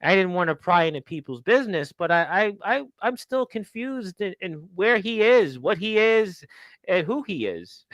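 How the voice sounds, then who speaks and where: A man's voice: high-pitched, very animated, normal speed, a bit bright, no room sound, highs cut off. A man hosting a casual wrestling radio show, chatty and laughing often as he greets viewers in the chat. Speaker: podcast host.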